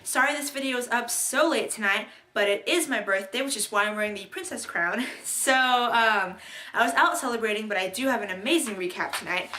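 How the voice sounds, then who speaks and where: In an echoey room, a young woman with a slightly high, bright, forceful voice casually recaps a TV episode. She's bubbly and rambling, full of fillers and restarts.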